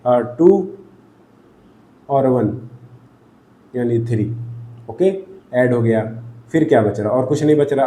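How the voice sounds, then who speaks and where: A man's voice: mid-range voice, mellow, reverberant, a little hiss or hum. A man teaching a maths lesson, talking through each step of the sums aloud and answering his own questions as he goes.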